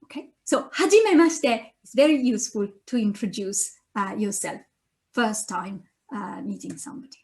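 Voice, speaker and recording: A university Japanese lecturer whose first language is Italian speaks with an Italian accent in a mid-range, creaky voice at normal speed. In a recorded beginner lesson, she patiently spells out sounds for learners to repeat.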